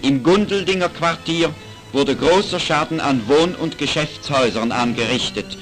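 A man's voice: a little high, normal speed, fairly bright tone, faint music behind, rough recording. A man narrating a 1940s wartime newsreel in a formal, declamatory announcing style, on an old archive soundtrack.

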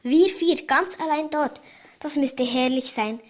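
A woman's voice: high voice, measured pace. A woman reading the lines of an enthusiastic tomboyish girl in a children's storybook. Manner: enthusiastic, exclaiming.

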